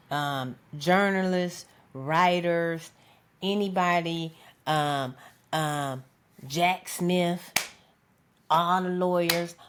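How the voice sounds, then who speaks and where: Fiery, swearing woman commentator. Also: fairly low pitch. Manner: emphatic, profane, keeps asking "okay?". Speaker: political commentator. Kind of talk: impassioned opinion monologue.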